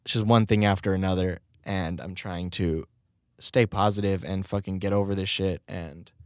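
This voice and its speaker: Deep and smooth, this young podcast host and rapper keeps a steady tone at a moderate pace while rambling casually on his solo show. He swears and laughs at his own expense, his recovering voice still slightly strained, in a clean, echo-free studio recording.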